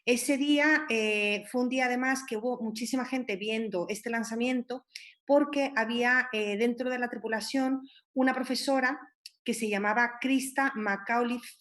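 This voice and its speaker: Higher-pitched woman in her forties. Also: fairly even intonation, moderate pace, a bit bright. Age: 40s. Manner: recalls events with many hesitant restarts. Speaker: panelist. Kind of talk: live stream panel talk.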